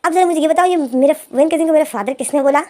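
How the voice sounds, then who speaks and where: A woman's voice: sits high, rapid-fire, mellow, voice pushed up, lightly acted. A woman voicing a lovesick, scheming young man who turns sulky, in a raised, whiny, pleading voice.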